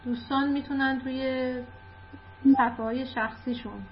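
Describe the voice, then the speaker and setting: A woman with a high voice gives a relaxed literature lesson, talking it through with plenty of examples and small asides. The audio is a bit muffled, with a faint hum underneath. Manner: conversational, explains with examples and asides. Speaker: literature teacher. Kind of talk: casual explanatory lesson.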